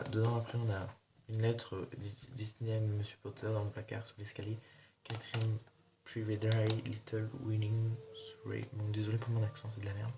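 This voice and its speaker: Low flat-voiced man vlogging. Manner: rambling, hesitant, many fillers. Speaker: vlogger showing purchases. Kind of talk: casual haul video. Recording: noisy home recording.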